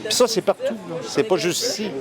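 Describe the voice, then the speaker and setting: An older man from Quebec with a Québécois accent, a retiree chatting in a street interview and telling stories in an animated way. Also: high-pitched, a little fast. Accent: Québécois French. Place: outdoors in a busy street. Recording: loud crowd noise behind.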